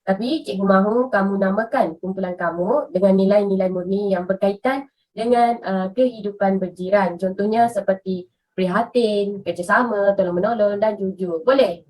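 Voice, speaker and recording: A woman's voice: medium pitch, normal speed, far from the mic, poor audio. Woman teacher giving instructions. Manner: steady, instructive, with fillers. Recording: voice a little off-mic.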